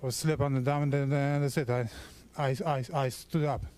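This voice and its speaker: A man, a boxer, giving halting, stammering answers after a fight. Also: mid-range voice, steady tone, a little mellow. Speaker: boxer being interviewed. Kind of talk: post-fight interview answer.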